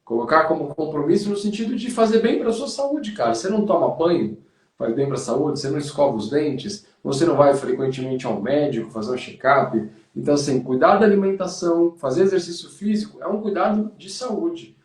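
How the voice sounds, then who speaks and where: A man's voice: on the high side, lively intonation, a little fast, a little mellow, recorded from a distance. Motivational Brazilian man in a roomy room. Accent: Brazilian Portuguese. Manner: motivational, addresses listener as "cara". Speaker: podcast host and running coach. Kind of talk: casual podcast chat.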